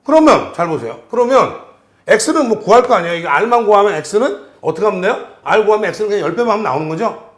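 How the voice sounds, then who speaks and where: Male lecturer, high, lively voice, keeps quizzing students; roomy echo. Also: fairly quick. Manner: animated, questions students constantly. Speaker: exam prep instructor.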